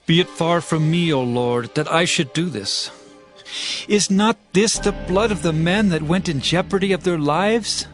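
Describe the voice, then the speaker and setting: A man's voice: fairly high pitch, unhurried, soft background music, natural voice. An actor playing a fervent, commanding king in a dramatized scripture, declaiming in archaic, impassioned phrasing. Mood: pleading protest. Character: King David, fervent, commanding warrior king of Israel.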